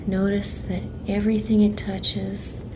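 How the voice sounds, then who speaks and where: Woman, soft spa-like whisper, very slow pace, flat calm intonation, guided meditation, noisy ambient recording. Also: medium pitch. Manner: soft, breathy, near-whispered soothing delivery; slow, long pauses between phrases. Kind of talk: guided relaxation meditation narration. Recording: clearly noisy, ambient sound behind.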